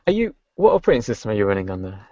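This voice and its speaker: A man's voice: on the low side, big pitch swings, very fast, darkish tone, dry recording. A man hosting a casual podcast and chatting over an online call, hesitant, with lots of restarts. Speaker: podcast host. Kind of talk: casual chat. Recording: dull, dry lo-fi audio.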